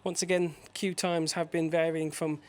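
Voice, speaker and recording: A man's voice: on the high side, little pitch movement, normal speed, darkish tone. A man narrating a casual travel vlog to viewers. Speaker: travel vlogger.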